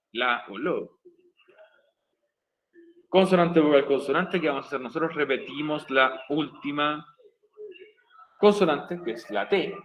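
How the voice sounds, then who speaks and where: A man's voice: a little high, dull audio. A male English teacher, patiently explaining grammar step by step in a recorded online class. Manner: patient, repeats and spells out each step.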